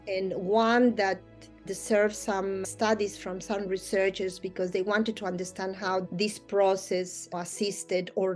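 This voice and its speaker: In Australia, a mediator whose native language is Spanish answers interview questions earnestly, her phrasing slightly non-native and often punctuated by light laughter. Her voice is mid-range and a little mellow.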